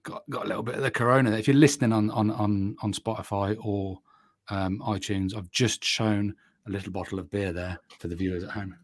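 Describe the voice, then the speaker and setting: A man's voice: fairly low pitch, steady tone, fairly quick, dry recording, clean studio sound. A man co-hosting a casual podcast, jokey and rambling, speaking into a desk microphone at home. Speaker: podcast co-host. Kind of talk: casual chat. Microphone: desk USB microphone.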